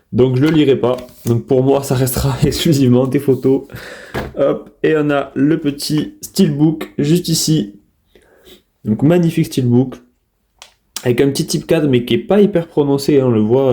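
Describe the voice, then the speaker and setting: Dark-voiced man chatting through an unboxing. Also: medium pitch. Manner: chatty, hesitant, many fillers and restarts. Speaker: collector unboxing steelbooks. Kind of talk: casual unboxing commentary.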